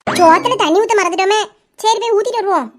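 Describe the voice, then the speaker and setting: A woman's voice: very high-pitched, fast talker. A woman voicing a kindly, bossy middle-aged village woman in a cartoon, fussing affectionately, with a Kanyakumari Tamil accent. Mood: bustling. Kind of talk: cartoon voice acting.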